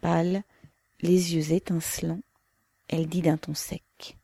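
A woman narrating a novel aloud in a measured, even storytelling manner. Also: on the low side, creaky, slightly rough, dry recording. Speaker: audiobook reader. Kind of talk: scripted literary narration.

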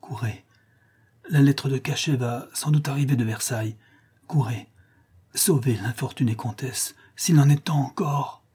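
A gravely wounded marquise speaks in a faint, broken whisper, devoted to the end, as a male reader puts her on. The voice stays dark and husky. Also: medium pitch, unhurried. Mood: fading whisper. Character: dying noblewoman, wounded marquise, fierce and devoted.

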